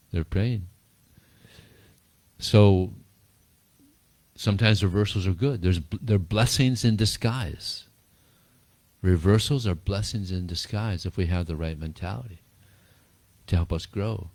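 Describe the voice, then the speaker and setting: A man with a deep, low voice teaches a small group in an easygoing, rambling way. He chuckles often and repeats words as he tells stories. The sound is dry and close. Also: takes it slowly, long pauses, darkish tone, dry recording. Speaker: spiritual teacher answering questions. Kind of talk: informal talk and Q&A.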